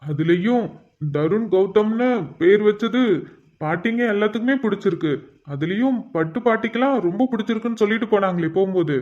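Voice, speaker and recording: In a cartoon, a man voices a teasing young husband and father, chatty and full of joking asides. His natural voice sits high and moves briskly, captured on a dull lo-fi recording.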